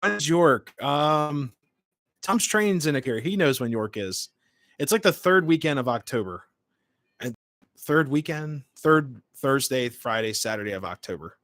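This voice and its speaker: A man in his late twenties speaks as a livestream host in an informal, chatty way. His voice sits at an average pitch with very little room sound. He moves between short remarks and replies to comments. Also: lively intonation, unhurried, a bit bright, no echo, clean studio sound. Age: late 20s. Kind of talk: casual livestream chat, reading and answering comments.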